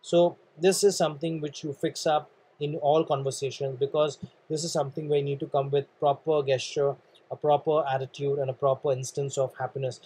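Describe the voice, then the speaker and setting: A slightly high-pitched man speaking Indian English, his voice husky and frayed by a nagging cough. He coaches listeners through a motivational training talk, earnest and repetitive, calling them "guys" as he drives each point home. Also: level tone, fairly quick, mellow, rough recording. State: coughing, clearing throat. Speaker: sales and networking trainer.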